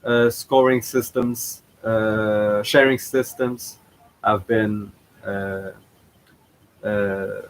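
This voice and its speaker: A man's voice: lowish voice, fairly even intonation, drawn-out words, a little hiss or hum, poor audio. A man hosting his own channel, giving casual reaction commentary in a hesitant way, with frequent fillers and restarts. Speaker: channel host reacting to a past contest.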